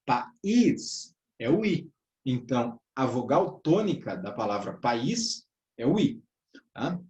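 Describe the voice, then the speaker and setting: The recording is muffled and echoey as a man teaches grammar in a church workers' course, his mid-range, darkish voice swinging widely in pitch at a slightly slow pace. Speaking southern Brazilian Portuguese, he explains step by step, ends phrases with "tá?" or "né?", and calls listeners brothers.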